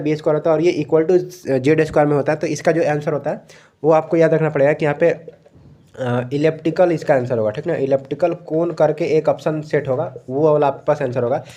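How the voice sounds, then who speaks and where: A young male tutor talks through exam answers in a relaxed, easygoing way. His voice is mellow and dark, set a little high for a man. He keeps checking in with his listeners, slipping English words into his speech. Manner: relaxed, repeats "thik hai" often, mixes in English words. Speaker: exam coaching teacher. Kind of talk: casual explanatory lecture.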